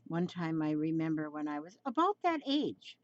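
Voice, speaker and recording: A woman's voice: low voice, big pitch swings, moderate pace, dull audio. A woman in her seventies chatting through a drawing tutorial, rambling and coaxing, often repeating her phrases. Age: 70s.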